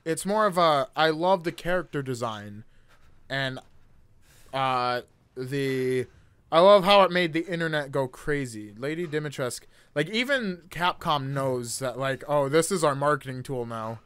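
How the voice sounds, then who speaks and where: A man in his twenties streams a horror game in a smooth, fairly high voice. He reacts nervously and covers it with jokes and casual swearing. He talks close to a desktop mic, as live commentary. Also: lively intonation, unhurried, a bit bright, dry recording. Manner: nervous, jokey reactions to scares; casual, profane. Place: indoor gaming room. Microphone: close desktop microphone.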